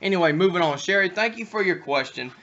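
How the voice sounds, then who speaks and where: A young man hosting a backyard wrestling talk show in character, trash-talking and breaking into loud rants. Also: high-pitched, lively intonation, fast, lo-fi sound.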